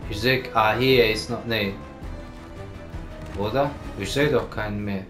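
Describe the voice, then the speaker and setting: Man, let's play commentary, slow unhurried talk, frequent cursing, loud game music and gunfire behind. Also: on the low side, fairly even intonation. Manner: swears a lot, urges the game on with repeated words. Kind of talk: casual gameplay commentary.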